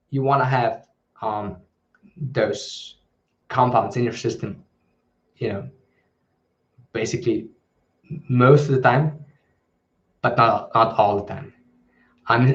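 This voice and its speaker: A man hosting a live question-and-answer stream, answering in a hesitant way with many ums and restarts. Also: mid-range voice. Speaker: channel host. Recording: dull lo-fi livestream audio.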